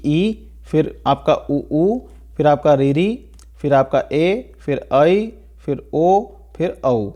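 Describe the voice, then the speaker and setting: A man's voice: fairly high pitch, mellow. A man giving a step-by-step Hindi grammar video lecture, who often checks in with the class and repeats key points. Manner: explains step by step, keeps asking "ठीक है" and repeating points. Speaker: teacher.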